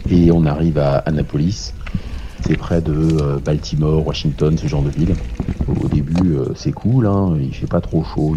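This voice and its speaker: A man's voice: a bass voice, noisy background. A man in his forties chatting casually about a long bike race, with many fillers and dry jokes. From France. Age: 40s. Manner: hesitant, many fillers, joking. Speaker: amateur ultra-distance cyclist. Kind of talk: casual interview talk. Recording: dull lo-fi sound with music behind.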